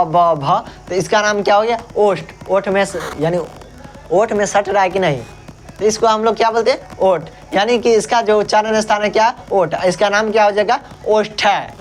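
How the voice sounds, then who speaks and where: A male teacher giving an exam-prep grammar lesson, saying sounds aloud and asking and answering his own questions. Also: high voice.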